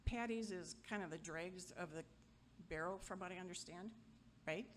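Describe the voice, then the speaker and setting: A middle-aged woman giving an informal memorial eulogy, chatty and wry, joking with the crowd and sometimes halting. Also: fairly low pitch, a little hiss or hum. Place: gathering hall at a memorial.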